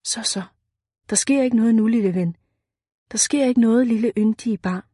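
A tender young wife from a storybook lighthouse island, soft and soothing in her words, as a woman reading the tale gives her voice. The sound is dry and close, with no room echo. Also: a little high, husky.

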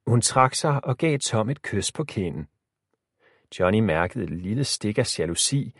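A man narrating an audiobook story with expressive storytelling. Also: fairly low pitch, slightly rough, no echo, clean studio sound.

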